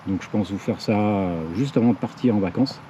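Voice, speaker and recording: A man's voice: on the low side, normal speed, warm tone. Man chatting casually about his bike. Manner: hesitant, many fillers, self-correcting. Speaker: cycling vlogger. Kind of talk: casual gear walkthrough to camera. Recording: dull lo-fi audio with faint ambient noise.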